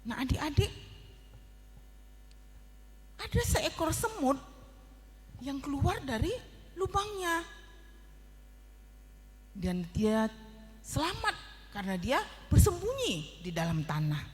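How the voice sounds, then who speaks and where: A woman Sunday school teacher telling a Bible story to children, animated and often speaking to them directly. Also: high voice, takes it slowly, long pauses, long reverb tail. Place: church.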